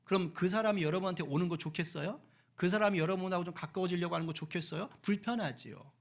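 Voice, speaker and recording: A male pastor delivers a sermon in a chatty, storytelling way. His voice sits high for a man, and he keeps putting questions to the congregation. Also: quick pace. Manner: conversational, asks the congregation questions, acts out quotes.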